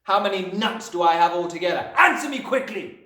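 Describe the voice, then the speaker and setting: A man's voice: high voice, animated, a little slow, fairly bright tone, echoey room, voice pushed up. Man playing the Trunchbull, a bellowing bully headmistress. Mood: bullying, furious. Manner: bellowing, domineering, theatrically scornful. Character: huge, bullying, furious headmistress spitting insults.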